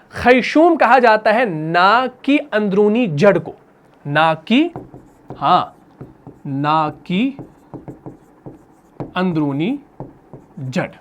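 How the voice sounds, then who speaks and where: Male recitation teacher, patient, question-and-answer delivery, slow repetition of key terms. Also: high-pitched. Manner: patient, asks questions and answers them himself; repeats each term slowly. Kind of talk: classroom lesson.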